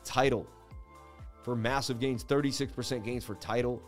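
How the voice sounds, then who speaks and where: A man's voice: medium pitch, fairly even intonation, moderate pace, soft background music. A man hosting a crypto trading channel, giving casual screen-share market commentary in a slangy, boastful way with repeated catchphrases.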